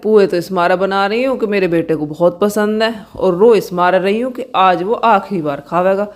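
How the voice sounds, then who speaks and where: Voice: medium pitch, normal speed, natural voice. A narrator voicing a grieving old village woman. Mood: sorrowful.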